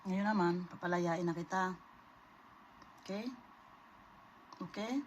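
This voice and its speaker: A woman gently coaxing and talking to a small bird, mixing two languages. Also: on the low side, fairly even intonation, takes it slowly. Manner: coaxing, mixes Tagalog and English. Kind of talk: casual talk to a pet bird. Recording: muffled with clear background noise.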